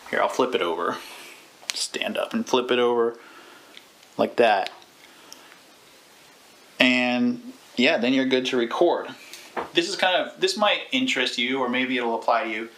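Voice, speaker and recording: Pausing often at a measured pace, a man in his thirties explains a how-to in a casual, stop-and-start style while demonstrating for his YouTube tutorial. His voice is medium-pitched and fairly bright, and the clip-on lavalier or camera mic adds a little hiss or hum.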